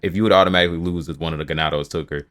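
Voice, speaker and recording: A man with a low voice reacts to news in a rapid stream of casual commentary. He swears freely, trails off and restarts his sentences as he goes. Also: steady tone, fairly bright tone. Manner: rambling, profane, restarts a lot. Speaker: video host reacting to game news.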